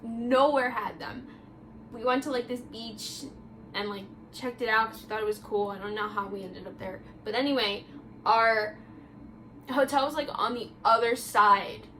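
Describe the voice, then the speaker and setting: A woman's voice: medium pitch, fairly bright tone, a little hiss or hum. A young woman vlogger chatting casually, telling a story with lots of "like" fillers. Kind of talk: casual chat.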